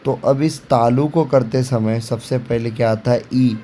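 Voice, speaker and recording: A man's voice: mid-range voice, fairly even intonation, unhurried, warm tone, slight background noise. A man teaching Sanskrit in a patient lecture style, repeating points, quizzing the student, drawing out each syllable and mixing in English words. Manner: mixes English words into Hindi; drags out syllables when spelling sounds. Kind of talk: classroom lecture.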